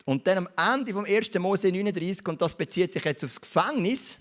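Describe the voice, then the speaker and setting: Swiss German preacher, higher-pitched man. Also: expressive, brisk, a bit bright. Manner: storytelling, addresses listeners directly with tag questions. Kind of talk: sermon.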